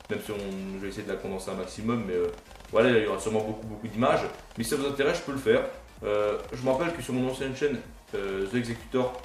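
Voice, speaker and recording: A man's voice: lowish voice, recorded from a distance. A young man giving casual gameplay commentary as a gaming YouTuber, rambling and self-mocking with casual swearing. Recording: roomy, off-mic, faint game music.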